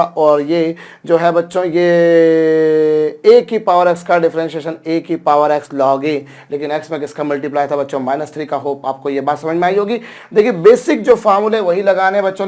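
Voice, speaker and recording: Higher-pitched male teacher quizzing students. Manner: addresses students repeatedly, asks and answers his own questions. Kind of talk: classroom lecture.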